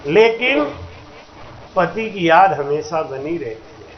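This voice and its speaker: A man giving a storytelling sermon at a satsang, acting out characters in folksy dialogue and breaking into slow sung verses. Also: on the high side, lively intonation. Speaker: spiritual teacher giving a satsang discourse. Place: religious gathering hall. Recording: roomy, dull lo-fi recording with faint noise.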